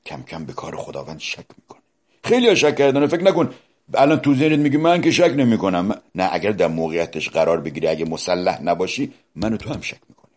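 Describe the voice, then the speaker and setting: A man preaching a sermon, asking his listeners questions directly and swinging between loud outbursts and hushed low asides. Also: sing-song.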